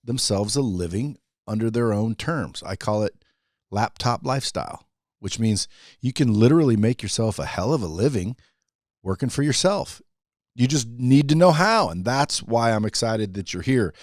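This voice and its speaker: A man's voice: medium pitch, animated, normal speed, darkish tone, dry recording, studio quality. A man hosting a casual podcast, brash and hyped, swearing casually as he talks up his guest. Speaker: podcast host.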